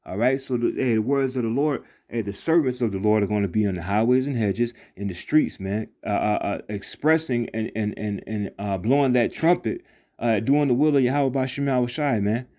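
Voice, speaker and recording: A street preacher, never seen, talks over a phone screen recording as he teaches scripture informally. His warm, medium-pitched voice rambles casually with fillers and restarts, tacking "man" onto many phrases, and he reads the verses slowly and deliberately.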